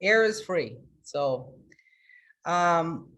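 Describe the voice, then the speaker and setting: A female life coach delivers a live motivational talk to her online group, energetic and emphatic, with many restarts. She swings between loud greetings and a soft, confiding tone. Her voice is fairly low and animated, and she speaks very slowly.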